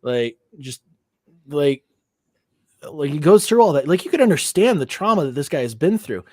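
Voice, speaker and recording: A podcast co-host talks animatedly about movies in a casual chat, swearing heavily and peppering everything with "like." His voice is fairly high, his pace moderate, and the recording is dry.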